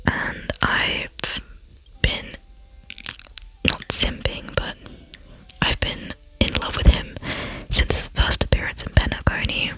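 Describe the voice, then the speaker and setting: An ASMR channel host whispering softly while talking through gameplay, rambling and chatty with frequent fillers and self-deprecating asides. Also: rough recording.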